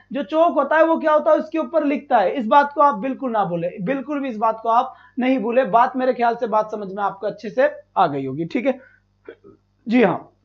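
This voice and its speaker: High-voiced teacher praising students. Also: male voice. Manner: repetitive, quizzing students and praising them. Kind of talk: live online exam-prep lesson. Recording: dull lo-fi stream audio.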